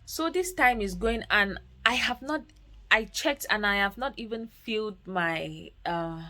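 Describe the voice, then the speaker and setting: A woman's voice: medium pitch, unhurried, pushed and bright. A woman vlogger, a mother, telling a story to camera in an emphatic way, often repeating phrases and restarting sentences.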